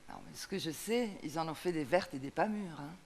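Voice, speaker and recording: A woman's voice: sits low, lively intonation, fairly quick, darkish tone, slight background noise. A woman in a stage comedy in a theatre, prim and correcting her partner, then launching into a gossipy family story. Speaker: comic actress. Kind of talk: stage comedy dialogue and monologue. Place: theatre stage before a live audience.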